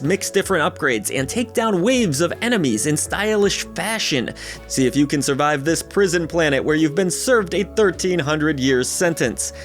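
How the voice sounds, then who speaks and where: Lively upbeat male game-news host. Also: a little high. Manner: upbeat and jokey, with playful asides. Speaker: gaming channel host. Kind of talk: scripted game-release roundup narration. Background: background music.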